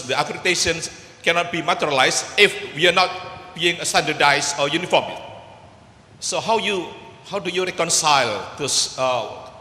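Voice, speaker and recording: Guy asking the panel something, kinda high bright voice, hunts for words, big echoey hall. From Indonesia. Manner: hesitant, searching for words in a second language. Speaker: audience member asking a question. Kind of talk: conference Q&A question. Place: large conference hall. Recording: echoey conference hall with long reverb.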